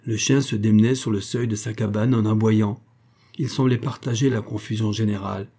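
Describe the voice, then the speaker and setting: A man narrating a classic children's story in a measured, expressive storytelling manner. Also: fairly low pitch.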